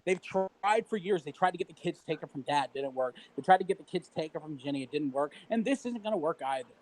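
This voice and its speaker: A man's voice: fairly high pitch, lively intonation, quick pace, darkish tone, rough recording. A man co-hosting a casual livestream chat, ranting heatedly with profanity and mocking quotes. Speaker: livestream co-host.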